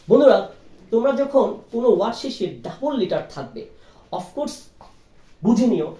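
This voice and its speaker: A man's voice: high-pitched, mellow, recorded from a distance. A man teaching English reading, spelling words out letter by letter, mixing Bengali with English phrases, and often checking with "right?". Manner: mixes Bengali with English phrases, coughs now and then. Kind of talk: spoken language lesson. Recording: roomy, from off the mic.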